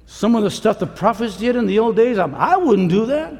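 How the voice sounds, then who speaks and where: Animated preacher in a reverberant hall. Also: male voice, high-pitched, a little fast. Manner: animated, swings between shouting and hushed pleading. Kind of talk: conference sermon. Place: conference hall. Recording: large hall with long reverb.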